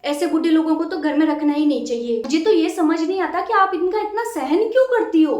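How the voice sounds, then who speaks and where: A woman playing a blunt, sharp-tongued young wife who scorns the elders of the house. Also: very high voice, fairly quick, roomy sound, soft background music. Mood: arguing.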